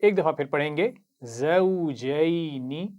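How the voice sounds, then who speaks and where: A man with an Urdu accent teaching Quran reading, patiently explaining each word, reciting it slowly and praising the learner. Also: fairly high pitch, darkish tone. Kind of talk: slow instructional lesson.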